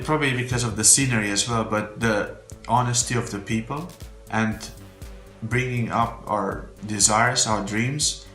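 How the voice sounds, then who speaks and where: With a fairly low, fairly bright voice, a man from Romania shares a heartfelt, faith-filled church testimonial, unscripted and sincere, his phrasing slightly particular. The room echoes, and faint music plays in the background.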